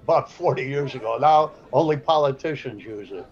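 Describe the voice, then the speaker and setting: In his seventies, a man with a South Side Chicago accent rambles through pool commentary, gruff and folksy, slipping into stories between shots. His mid-range voice is brisk and a little mellow, and the recording is dull and lo-fi.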